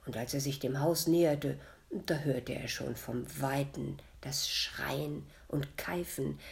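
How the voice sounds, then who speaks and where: A woman reading a folk tale aloud, narrating softly and often in a near whisper. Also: extremely low pitch, slow pace, vocal fry. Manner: soft, half-whispered narration. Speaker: storyteller. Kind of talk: storybook reading.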